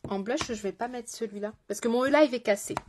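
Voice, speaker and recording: A woman's voice: on the high side, a little fast, a little mellow, a little hiss or hum. A woman with a French accent, a makeup artist chatting casually through a live tutorial, greeting viewers and joking about herself. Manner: chatty, greets viewers, self-mocking asides.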